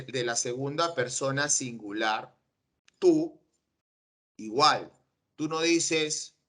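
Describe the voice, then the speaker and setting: A man's voice: mid-range voice, fairly bright tone. A man teaching an online class over a video call, patiently checking that his students understand.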